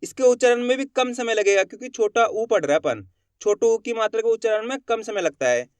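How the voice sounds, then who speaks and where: A man with a very high, smooth, resonant voice teaches the Hindi alphabet. He asks a question, answers it himself, and stretches each vowel slowly and clearly. The recording is dry and close. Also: no room sound. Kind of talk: classroom lesson.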